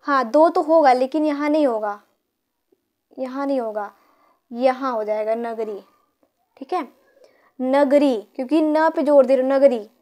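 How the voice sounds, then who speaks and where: A woman's voice: high voice, mellow. A woman teacher explaining a grammar lesson, counting syllables aloud and asking her pupils questions.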